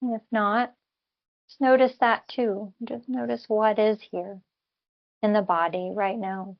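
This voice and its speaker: Speaking very slowly, a female meditation teacher lets long pauses fall between short phrases, her instructions gentle and unhurried like a guided body scan. Her voice is medium in pitch, steady in tone, and creaky. The recording sounds slightly dull and lo-fi.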